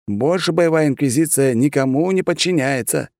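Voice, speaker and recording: A man's voice: a little high, normal speed, a little mellow, no echo, studio quality, pitched above the performer's own voice, lightly acted. A man putting on a flustered stammering official. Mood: insistent. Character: nervous stammering male government official.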